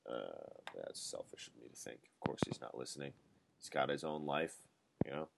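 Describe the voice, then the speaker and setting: Extremely deep-voiced man in his twenties, ranting. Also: big pitch swings, normal speed, creaky, very noisy. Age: 20s. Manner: ranting, profane, rambling. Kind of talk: solo casual monologue.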